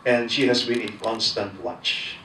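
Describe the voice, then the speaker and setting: A man's voice: mid-range voice, steady tone, unhurried, pushed and bright. A man with a Filipino accent, a priest reading the gospel and preaching at Mass, slipping in Tagalog phrases, his voice ringing with cathedral echo. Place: large church. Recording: echoey church, voice from far off, faint hiss.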